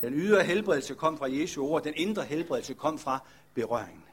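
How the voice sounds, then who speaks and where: A man's voice: a little high, expressive, husky. A man preaching a sermon as a pastor, speaking in an earnest, reflective way and putting questions to his listeners.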